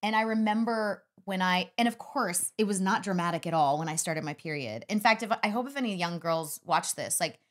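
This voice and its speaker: Animated middle-aged woman telling a story. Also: lowish voice, fairly quick, hardly any pauses. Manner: animated storyteller, acts out voices. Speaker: podcast co-host. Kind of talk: casual chat.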